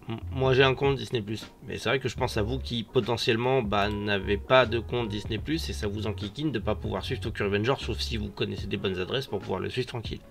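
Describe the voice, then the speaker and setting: A man with a mid-pitched voice hosts a casual news rundown over background music. He has a noticeable lisp with slushy s sounds, as his sore, swollen mouth makes articulation effortful. His delivery is informal, slangy and full of personal opinion. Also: creaky. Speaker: host of a manga and anime news show. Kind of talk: casual news commentary to online viewers. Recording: music behind the voice.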